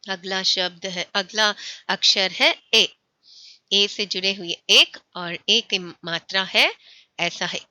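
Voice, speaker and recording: A woman teaches a school Hindi lesson, pronouncing words slowly, repeating them and frequently checking that her students are following. Her medium-pitched voice has a sharp tone, and the recording is dry.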